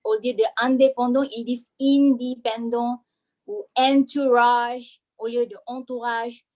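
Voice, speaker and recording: Woman teacher, slightly high voice, hesitant presenter full of fillers, video call audio. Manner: hesitant, many fillers and restarts. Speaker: French teacher presenting at an online forum. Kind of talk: online presentation.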